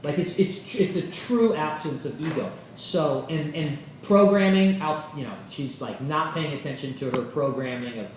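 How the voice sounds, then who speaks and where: A male yoga teacher giving an informal, animated lecture to a class, acting out quoted voices and swearing casually. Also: fairly high pitch, normal speed, few pauses, a little hiss or hum. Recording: roomy echo from a far mic.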